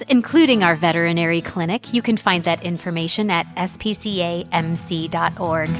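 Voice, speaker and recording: A woman hosts a podcast and asks her guest friendly, encouraging questions. She then reads a scripted sign-off, and her voice sits a little low. Soft music plays faintly behind her. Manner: warm, encouraging, laughs often. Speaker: podcast host. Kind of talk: casual interview, then scripted outro.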